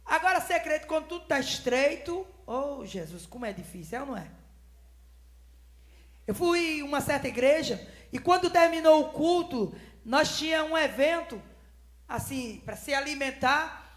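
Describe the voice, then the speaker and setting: A woman preaching a fervent Pentecostal sermon, swinging between shouting and hushed tones and breaking into speaking in tongues. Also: high voice, animated, normal speed.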